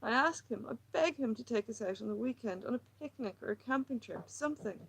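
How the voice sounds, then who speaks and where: Woman narrator playing a frazzled housewife in a storybook reading; high, pleading, rambling, louder than the narration. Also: brisk, gravelly, slight background noise, low-quality recording. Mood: agitated. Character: anxious troubled housewife, rambling and wounded.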